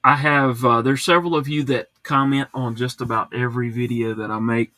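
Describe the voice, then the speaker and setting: A man hosts a casual livestream chat from home, reading viewer comments aloud. He rambles in a relaxed way, full of "uh"s and restarts, at an everyday mid pitch. The sound is close and dry, with no room echo. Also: a little fast.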